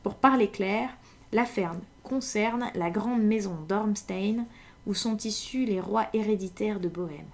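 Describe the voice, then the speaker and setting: A woman's voice: medium pitch, unhurried, vocal fry, darkish tone. A woman reading aloud in French, voicing a stern, secretive nobleman in a formal tone, in her own plain voice. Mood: grave. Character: imposing, secretive masked nobleman, stern and grave.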